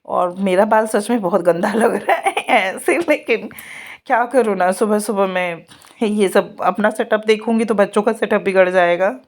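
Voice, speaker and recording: A woman's voice: mid-range voice, normal speed. A woman in her thirties, a mother chatting casually in a home vlog while she gets her children ready, laughing often. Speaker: vlogger mother.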